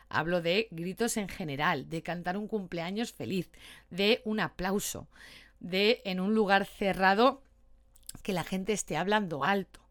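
Chatty woman dog trainer. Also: mid-range voice. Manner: chatty, animated, calls herself talkative. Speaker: dog trainer and podcast host. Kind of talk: casual podcast talk.

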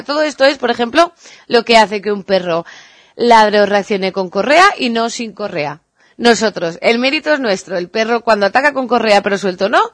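A woman hosting a solo podcast about dog training, explaining calmly and addressing her listeners directly. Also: mid-range voice, no room sound, clean studio sound.

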